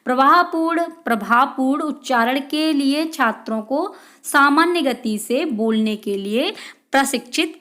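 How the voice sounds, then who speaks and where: A woman's voice: high-pitched, measured pace, sharp tone. A woman teaching an exam-prep lesson, reading out questions and answering them and calling her viewers friends.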